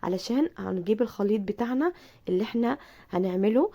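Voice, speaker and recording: A fast-talking Egyptian woman hosts a home cooking lesson, her voice hoarse and gravelly from a cold. She chats on, repeating herself and calling her viewers sweet names. Her tone is dark and mellow. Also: mid-range voice, expressive, highs cut off. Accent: Egyptian Arabic. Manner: chatty, repeats herself, addresses viewers affectionately. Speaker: cooking channel host. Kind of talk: cooking tutorial.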